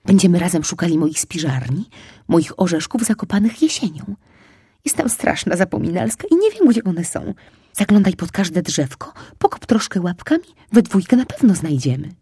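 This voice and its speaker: A woman voicing a brisk, clever female squirrel who gives firm, helpful advice. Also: fairly low pitch, big pitch swings, mellow, slightly rough, no room sound, studio quality, full character voice.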